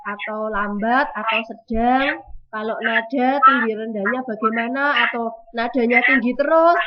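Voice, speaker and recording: A woman teacher giving an online class lesson over a video call, explaining slowly and repeating key terms. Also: on the high side. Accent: Indonesian. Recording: dull lo-fi audio with clear noise.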